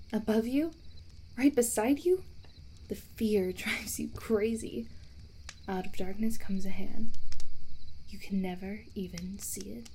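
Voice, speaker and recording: A young woman voicing a playful camping companion who talks straight to the listener. She teases, giggles, and drops into a hushed voice to tell a ghost story. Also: medium pitch, slight background noise, lightly acted. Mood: spooky hushed. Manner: teasing, breaks into giggles. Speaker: voice actor in a listener roleplay. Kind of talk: first-person audio roleplay addressed to the listener.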